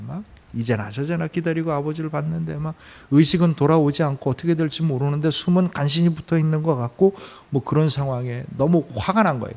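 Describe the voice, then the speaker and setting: A man preaching a Sunday sermon as pastor, telling stories with acted quotes, rising to emphatic peaks and dropping to slow, soft phrases. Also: a little high, creaky.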